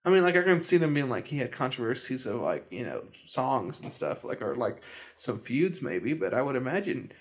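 A man's voice: mid-range voice, sing-song, normal speed. A young man hosting a casual podcast chat, often hesitant and restarting his sentences. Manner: hesitant, many restarts and stammers. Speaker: podcast host.

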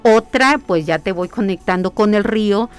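Earnest woman explaining slowly. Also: mid-range voice, clear, resonant tone. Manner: earnest, repetitive, explaining with rhetorical questions. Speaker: guest, spiritual hiking workshop leader. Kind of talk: conversational interview.

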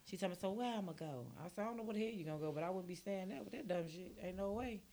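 Animated, cursing middle-aged woman. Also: medium pitch, rapid-fire. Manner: animated, profane storytelling; exasperated ranting. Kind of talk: casual chat.

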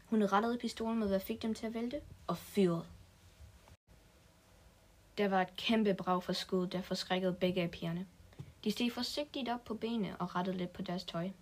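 A woman reading a story aloud in a plain manner, with small restarts now and then. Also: medium pitch.

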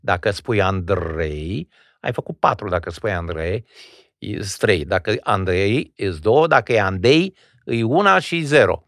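A man's voice: fairly low pitch, expressive, gravelly, few pauses, fairly bright tone, dry recording, clean studio sound. A man, an actor being interviewed, speaking reflectively and demonstrating sounds as he explains. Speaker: actor, podcast guest. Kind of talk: conversational interview.

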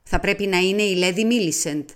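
A woman's voice: mid-range voice, lightly acted. Woman reading as a fussy Belgian detective. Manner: precise, self-assured, drops in French words. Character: fussy, vain middle-aged Belgian male detective. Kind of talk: audiobook character reading.

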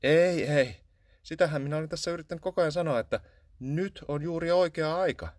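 A man's voice: a little high, dry recording, clean studio sound, pitched above the performer's own voice, close to an everyday voice. A man voicing a scheming, nosy house cat in a storybook, talking in a sly, coaxing way. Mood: insistent. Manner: coaxing, sly, pointedly loud.

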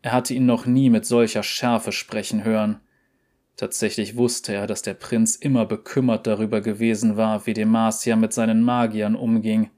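Male narrator, audiobook, calm and even, lower voice. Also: normal speed.

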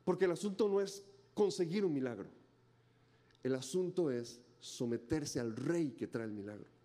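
A man delivers a sermon. His voice sits high yet sounds mellow and warm. He preaches dramatically, acting out voices and hammering rhetorical questions. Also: animated, normal speed. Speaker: pastor.

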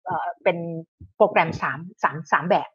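A woman's voice: normal speed, fairly bright tone, dry recording, muffled recording. A woman giving a casual online health lecture in a chatty way, sprinkling English medical terms and often restarting her sentences.

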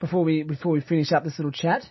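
An Australian man hosting a podcast in casual chat, talking in a halting, rambling but enthusiastic way. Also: on the high side, flat delivery, slightly rough, no room sound. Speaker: podcast host. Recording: dull, lo-fi sound.

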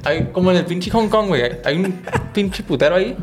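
A man's voice: high-pitched, a little fast, soft background music. A man with a Tijuana accent talking casually and slangily as a podcast co-host. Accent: northern Mexican, Tijuana. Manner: relaxed, slangy, asks questions. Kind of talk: casual chat.

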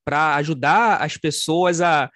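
Expansive Carioca man with a high voice. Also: takes it slowly, fairly bright tone, dry recording. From Rio de Janeiro, Brazil. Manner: expansive, talks with his hands. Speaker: podcast host. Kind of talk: casual podcast conversation.

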